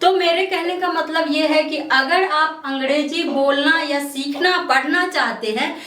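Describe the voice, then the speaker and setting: Woman tutor, high voice, patient and repetitive, drills each word slowly; roomy echo, mic set back. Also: a bit bright, distant mic. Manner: repetitive, explains step by step, drills words aloud. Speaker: English pronunciation teacher. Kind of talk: casual online lesson.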